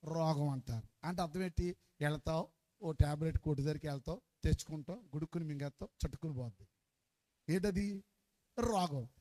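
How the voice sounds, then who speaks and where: A man preaching a sermon, calling on the congregation to answer back louder and swinging between quiet asides and shouted lines. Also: a little high, brisk. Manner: call-and-response, urging the congregation to answer louder.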